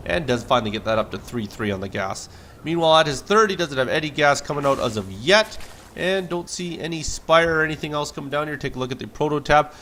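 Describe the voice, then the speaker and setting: A man's voice: a little high, a bit bright, a little hiss or hum. A man casting a video game replay with play-by-play commentary, casual and joking. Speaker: game caster.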